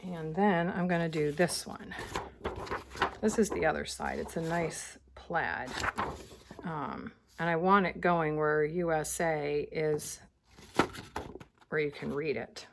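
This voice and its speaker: A woman with a fairly low voice talks through a scrapbook layout as she works, chatty and thinking aloud. She sounds a little out of breath. A faint hiss sits under the recording. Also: steady tone, slow, vocal fry, pauses often. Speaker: scrapbooking instructor. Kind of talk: casual craft tutorial.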